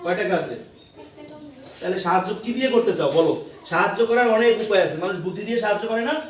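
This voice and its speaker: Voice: mid-range voice, fast talker. An English teacher leading a classroom lesson, asking questions and repeating them for the class to answer back. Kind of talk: classroom lesson with call and response. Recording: echoey classroom from far off with pupils.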